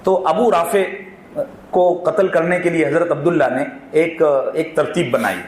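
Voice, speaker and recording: High-voiced man preaching in an echoey hall. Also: slight background noise. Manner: vivid storytelling, acting out scenes, addressing the audience directly. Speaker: Islamic preacher. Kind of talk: sermon storytelling to a gathering. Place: closed hall with audience. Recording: echoey hall with faint ambience.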